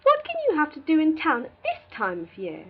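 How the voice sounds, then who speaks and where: A nosy, gossipy older matron, as a woman reader puts her on, who pries and teases in a very high voice. Her pitch leaps about wildly as she chatters. The sound is dull and muffled. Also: brisk, slight background noise, full character voice. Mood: teasing, prying. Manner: prying, teasing, excitable.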